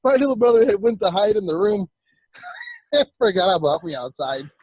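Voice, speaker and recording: A man with a high, excitable voice tells his encounter story as a guest, jumping into the voices of the people he quotes and laughing as he goes. The sound is dull and lo-fi, and the room is dry. His telling is animated. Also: moderate pace, breathy edge, no echo.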